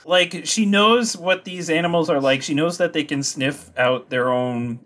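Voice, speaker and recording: Animated man co-hosting a film podcast. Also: on the high side, unhurried. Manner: animated, mocking impressions of characters. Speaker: podcast co-host. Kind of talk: casual movie discussion.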